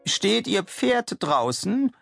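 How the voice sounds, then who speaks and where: Man doing a courteous old woman, raised high. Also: big pitch swings, slow, vocal fry, no room sound, studio quality, exaggerated voice. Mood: polite curious. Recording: loud background music.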